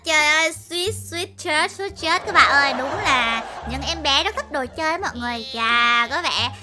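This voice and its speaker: A young woman narrating a casual video game playthrough in an excited, exclamatory way, often stammering and repeating words. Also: high voice, moderate pace, heavy background noise. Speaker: gaming YouTuber. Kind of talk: excited let's-play narration. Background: game music.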